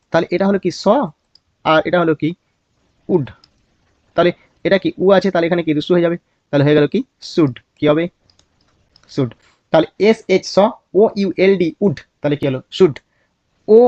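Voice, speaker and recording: A man's voice: high voice, mellow, no echo. Man drilling English phonics, question-and-answer. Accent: Bangladeshi. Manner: asks a question and answers it himself, drills words repeatedly. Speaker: English teacher. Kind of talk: spelling-out phonics lesson. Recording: dry, slightly dull recording.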